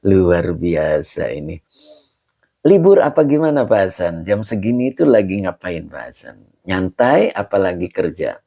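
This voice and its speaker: A middle-aged man, an Islamic preacher casually chatting through viewer comments on a livestream with chuckles and drawn-out exclamations. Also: sits low, sing-song, gravelly, dark tone. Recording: slightly dull lo-fi livestream audio.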